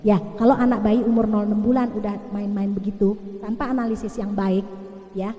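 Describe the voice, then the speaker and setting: A woman's voice: medium pitch, level tone, a little fast, warm tone. A middle-aged woman pediatrician giving a chatty, reassuring talk to parents and taking their questions. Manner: chatty, reassuring, frequent "ya" tags. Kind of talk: casual lecture with audience Q&A. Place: large hall. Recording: echoey hall, long reverb.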